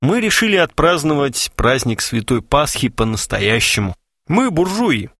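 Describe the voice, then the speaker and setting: A cheeky, self-satisfied young man who loves a pun, jaunty and cocky, as a male narrator puts him on. His voice bounces lively up and down. The sound is dry and close. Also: fairly high pitch, moderate pace, dry recording, voice pushed up.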